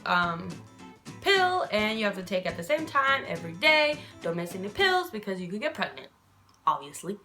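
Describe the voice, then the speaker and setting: A woman voicing a brisk, rushed female gynecologist who talks hurriedly and gets to the point. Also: mid-range voice, big pitch swings, sharp tone, faint music behind, voice pushed down.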